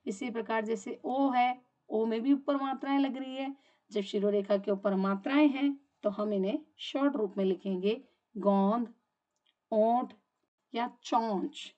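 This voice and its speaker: A woman's voice: a little high, mellow. Woman teacher explaining grammar. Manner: explains step by step, asks and answers her own questions; draws out example words slowly. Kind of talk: Hindi grammar lesson. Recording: dull lo-fi audio.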